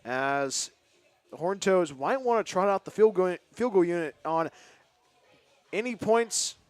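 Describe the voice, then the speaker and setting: A man with a Californian accent calling a high school football game as play-by-play announcer, chatty and excitable. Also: dry recording. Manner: fast, chatty, excitable call. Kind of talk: play-by-play commentary.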